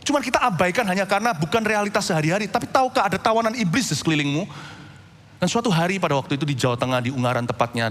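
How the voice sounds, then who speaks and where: Animated high-pitched male preacher in a hall. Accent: Indonesian. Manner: animated storytelling preacher, acts out voices and shouts. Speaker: pastor. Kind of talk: sermon. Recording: long hall reverb with faint music.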